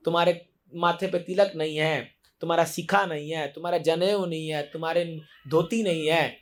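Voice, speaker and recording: A man giving a sermon to devotees, exhorting them emphatically, repeating key phrases and mixing English words into his Hindi. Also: fairly high pitch. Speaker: temple preacher.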